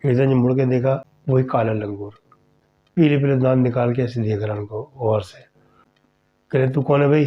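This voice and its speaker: A man hosting a horror podcast, retelling a story in a conversational, animated way. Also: mid-range voice, normal speed, pauses often, highs cut off.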